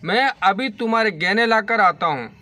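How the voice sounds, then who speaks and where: A man's voice: sits high, lively intonation, normal speed, pushed and bright, no echo. A man voicing a stern, fair-minded father-in-law who speaks firmly and with authority in a spoken story. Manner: firm, authoritative.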